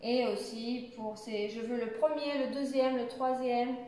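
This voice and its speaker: A woman's voice: a little high, level tone, unhurried, dark tone. A woman from France teaching a beginners' language lesson, carefully spelling out and repeating words. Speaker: French teacher. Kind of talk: slow spoken language lesson. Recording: echoey room.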